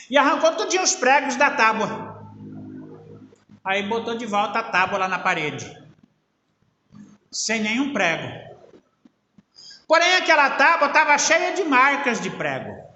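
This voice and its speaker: High, lively preacher in an echoey hall. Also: male voice, measured pace, pauses often, highs cut off. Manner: storytelling with acted-out dialogue, swinging between loud and hushed. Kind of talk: sermon. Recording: echoey hall with faint background noise.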